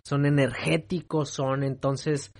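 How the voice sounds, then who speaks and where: A man's voice: medium pitch, flat delivery, slow pace, a little mellow. A man with a Mexico City accent chatting casually on a podcast, reflective and enthusiastic, with lots of slang. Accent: Mexico City Spanish. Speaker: podcast co-host.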